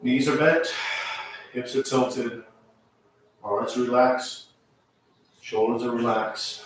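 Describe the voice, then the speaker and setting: A man's voice: medium pitch, fairly even intonation, slow pace. A man guiding yoga and meditation as an instructor, speaking in short, spaced-out instructional phrases. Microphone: distant microphone. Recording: echoey room, distant mic, faint noise.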